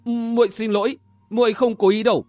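A woman's voice: on the high side, fairly even intonation, brisk, darkish tone, faint music behind, voice pushed up, lightly acted. A man voicing a bashful young woman in a martial-arts romance audiobook, speaking in a coy, pleading tone. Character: young shy lovestruck woman, bashful and teasing.

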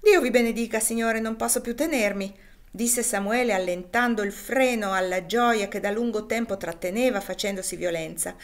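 A woman's voice: medium pitch, moderate pace, lightly acted. A woman reading aloud who voices a mischievous servant, gleeful and mocking. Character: mischievous laughing servant man.

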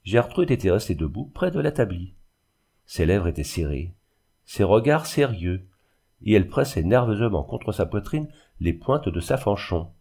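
Dark-voiced man reading a novel. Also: lowish voice, vocal fry, slightly rough. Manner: measured, even storytelling. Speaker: audiobook narrator. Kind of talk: literary audiobook narration.

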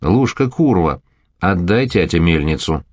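A man reading the lines of a foolish young man who yells his demands. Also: low voice, animated, measured pace, no room sound. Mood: demanding. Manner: yelling, demanding. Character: foolish shouting young man, son-in-law.

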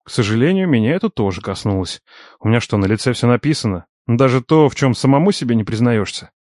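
A man reading a first-person audiobook with an ironic, expressive storytelling manner. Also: mid-range voice, fast, no echo, studio quality. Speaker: audiobook narrator.

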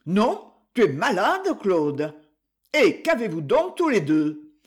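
A man voicing a drunken, domineering old miller who shouts indignantly. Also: sits high, huge pitch swings, slow, husky, full character voice. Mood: angry.

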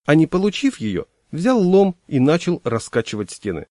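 A man reading a humorous story aloud in a wry, measured storyteller's manner. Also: on the high side, very animated, a little mellow, dry recording, clean studio sound.

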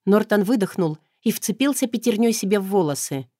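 A woman narrates a first-person audiobook in a smooth, even storyteller's voice. Her pitch sits in a middle range. The recording is dry and close. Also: a little fast, no room sound.

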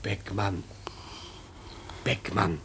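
A man's voice: low voice, steady tone, extremely slow, noisy background. An actor playing an insistent male inner voice that urges a dying man to wake up and live. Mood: urging. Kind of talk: radio play acting.

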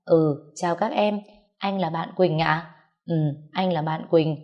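A woman's voice: fairly low pitch, steady tone, measured pace, lo-fi sound, lightly acted. Bossy teasing young uncle, read by a woman. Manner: scolding, teasing.

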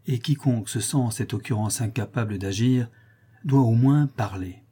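A man narrating a classic novel as an audiobook reader, in a measured, expressive way. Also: mid-range voice, slightly rough.

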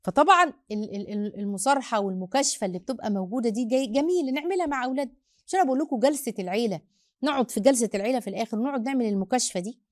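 Very fast-talking Egyptian woman counselor. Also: fairly high pitch, no echo, studio quality. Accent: Egyptian Arabic. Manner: motherly, addresses the listener as daughter; rapid, animated storytelling with restarts. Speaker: host and family counselor. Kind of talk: answering listener questions on parenting.

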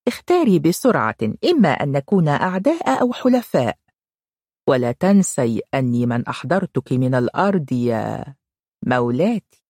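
A woman voicing a cunning male royal adviser who bargains slowly and with menace, in an audiobook. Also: extremely low pitch, sing-song, a little mellow, no room sound, clean studio sound, heavily acted. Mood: scheming.

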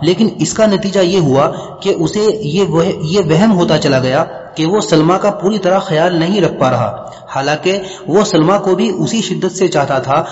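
A man reads a story aloud in a measured, even way, his voice sitting a little high for a man. The recording is dull and lo-fi, with a long reverb trailing each phrase. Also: a little hiss or hum. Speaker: narrator. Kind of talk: audiobook story narration.

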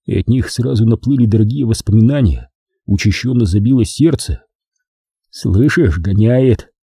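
A man narrating a wartime memoir as an audiobook, telling the story in a measured way. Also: on the low side, vocal fry, husky, no echo, clean studio sound. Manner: measured storytelling with lively intonation.

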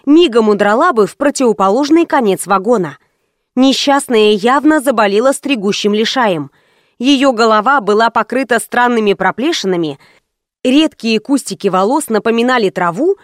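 A woman's voice: fairly high pitch, no echo, studio quality. A woman narrating a first-person audiobook in a wry, ironic storytelling manner.

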